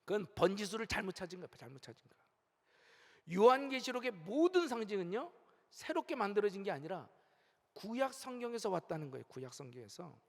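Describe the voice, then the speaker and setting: Emphatic high-voiced male pastor, church echo. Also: very animated, a little fast. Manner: emphatic preaching, rising and falling, leads the congregation in call-and-response. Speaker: senior pastor. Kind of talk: sermon. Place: large church sanctuary. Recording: long hall reverb from a church sanctuary.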